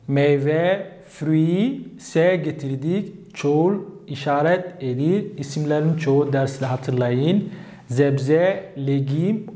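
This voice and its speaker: A man teaching French vocabulary, saying each word slowly and repeating it for learners. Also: a little high, warm tone. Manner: slow, deliberate, repeats each word twice. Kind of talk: vocabulary lesson.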